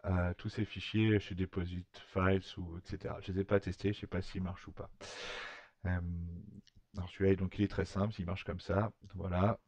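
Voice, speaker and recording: A man talking through a screen-recorded software tutorial, hesitant, with many fillers and restarts. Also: sits low, no echo, muffled recording. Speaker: tutorial maker.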